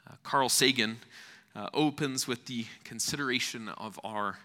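A male preacher delivers an earnest sermon with a very bright, cutting voice at a medium pitch. He leans on repetition and weighted pauses, and his words ring through a reverberant hall.

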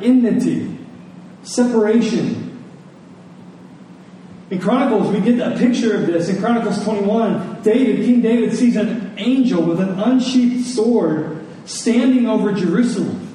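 A middle-aged man preaches a sermon earnestly and conversationally, repeating phrases for emphasis, in a high, mellow voice. The recording has an echoey room, a distant mic, and faint noise.

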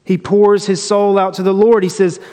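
Earnest high-voiced man teaching in reverb. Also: flat delivery, normal speed, dark tone. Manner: earnest and reflective, with frequent restarts. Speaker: Bible teacher. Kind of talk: devotional Bible teaching.

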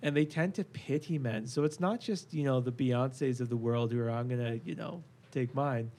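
An earnest man hosts a casual faith discussion at an average pitch. He presses his points with emphasis and often restarts with "um" and "and". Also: normal speed, warm tone. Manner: earnest, emphatic, many fillers. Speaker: podcast host.

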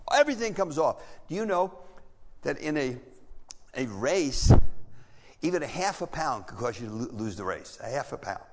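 An older man preaching a sermon as pastor, animated and emphatic, repeating key phrases for effect. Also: on the high side. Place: church sanctuary. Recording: long hall reverb.

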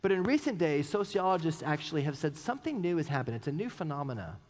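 Lively earnest male preacher in a reverberant church. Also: a little high, quick pace. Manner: earnest, personal, many rhetorical questions. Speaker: pastor. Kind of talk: sermon. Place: church sanctuary. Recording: long church hall reverb.

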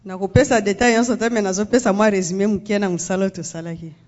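A woman from Congo, a guest speaking in measured phrases and pausing for an interpreter in a church. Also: medium pitch, steady tone, darkish tone, dull audio. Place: church sanctuary.

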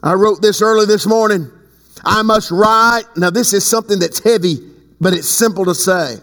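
A fervent male preacher with a notably high voice, booming out lines and then dropping to hushed asides. His words ring through a large church with a long, echoing reverb tail. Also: brisk. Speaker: pastor. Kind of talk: sermon.

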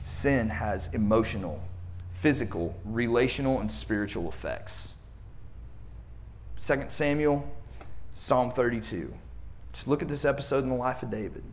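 Male pastor, mid-pitched, preaching casually with rhetorical questions. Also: lively intonation, moderate pace, pauses often, a little hiss or hum. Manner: conversational preaching with filler words and rhetorical questions. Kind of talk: sermon.

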